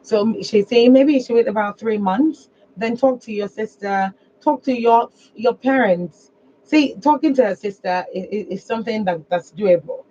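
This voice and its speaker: A woman's voice: fairly high pitch, normal speed, mellow. A woman with a Nigerian accent hosting a conversational phone-in advice show on the radio. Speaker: radio call-in show host. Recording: dull lo-fi broadcast with noise.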